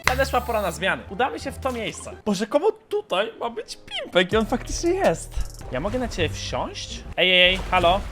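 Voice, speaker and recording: A young man giving excited, teasing commentary while playing a game, often shouting at other players. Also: high voice, normal speed. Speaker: gaming YouTuber. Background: background music.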